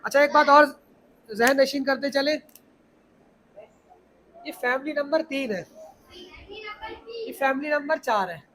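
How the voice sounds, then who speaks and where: A man's voice: very high-pitched, expressive, slow, pauses often, pushed and bright. A man teaches a children's class, stopping often to question the pupils and repeat his points. He talks patiently through each letter. Faint room noise sits behind him.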